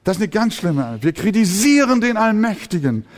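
High-pitched and fast with big swings in pitch, this pastor delivers a fervent sermon. Now and then he mimics complaining members of the congregation. The sound carries a long hall reverb.

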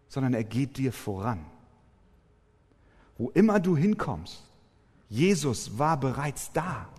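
A man preaching a sermon, emphatic, with forceful rising peaks. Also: mid-range voice, husky. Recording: long hall reverb.

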